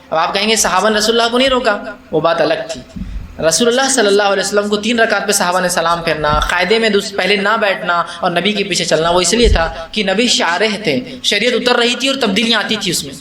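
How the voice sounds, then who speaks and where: A man's voice: high-pitched, bright, forceful tone, reverberant. A male Islamic preacher answering audience questions in a religious talk, explaining step by step with rhetorical questions and mixing English words into his speech.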